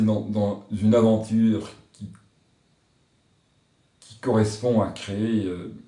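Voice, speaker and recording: The speaker, a member of a religious order, gives an interview in which he reflects sincerely and thinks out loud. He has a fairly low, dark-toned voice, recorded from a distance in a reverberant room.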